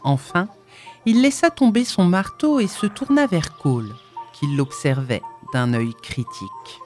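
A woman narrating an audiobook in an expressive, measured storytelling manner. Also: fairly low pitch, faint music behind.

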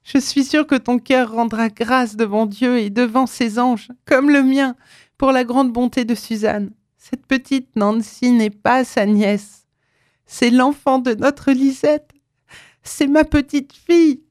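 A woman voices a tender old mother pleading fervently with her son in a read-aloud story, her tone imploring. Her mid-range, darkish voice has fairly even intonation and a moderate pace, close to everyday speech, in a studio-quality recording with no echo.

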